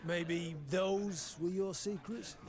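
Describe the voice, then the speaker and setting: A man's voice: sits high, fairly even intonation, slow, darkish tone. A man playing a jovial, slurring town drunk, an old-hand soldier in a video game tavern who chats with sly familiarity. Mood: confiding. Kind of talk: video game character acting.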